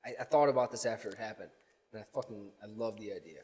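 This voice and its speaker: Male co-host, rapid profane storyteller, mid pitch, reverberant room. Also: a little mellow. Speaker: podcast co-host. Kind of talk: casual podcast banter.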